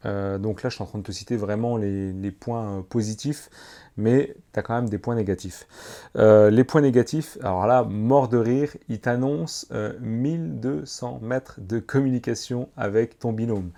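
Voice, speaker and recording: Speaking at a normal speed in a medium-pitched, gravelly, dark voice, a man who vlogs about motorcycles gives an informal product review to camera. He uses plenty of slang and addresses the viewer as a friend would.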